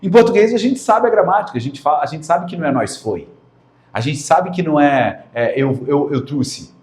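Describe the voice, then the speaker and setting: Guy from brazil giving a lesson, lively, says stuff over and over, kinda echoey room. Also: on the high side, normal speed. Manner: lively, emphatic, repeats key words. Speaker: English teacher. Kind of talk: video lesson. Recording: roomy echo.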